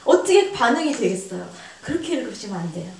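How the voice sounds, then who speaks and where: Woman, pastor's wife, earnest sermon delivery, fairly high voice, echoey far-off hall sound. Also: sing-song, quick pace, vocal fry, darkish tone, slight background noise. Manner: earnest, acts out quoted voices with big pitch jumps. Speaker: pastor's wife leading a seminar. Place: church hall.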